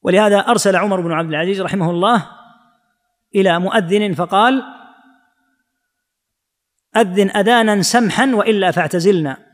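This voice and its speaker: A man giving a religious lesson, demonstrating each phrase by slowly drawing out its vowels. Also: sits high, long reverb tail. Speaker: Islamic scholar teaching.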